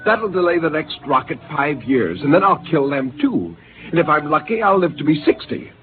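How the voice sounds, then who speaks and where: In a hissy, lo-fi 1950s radio drama broadcast, a male actor plays a bitter, disillusioned astronaut turned rebel. His voice is a little high and very animated at a normal speed, delivered in an intense, brooding, defiant way.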